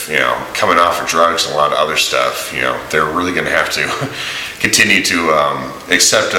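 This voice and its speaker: A man's voice: extremely low pitch, sharp tone. A man talking in a rambling video diary full of uh and um fillers, recorded in an echoey room. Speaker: mission-trip vlogger. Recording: echoey room with faint hiss.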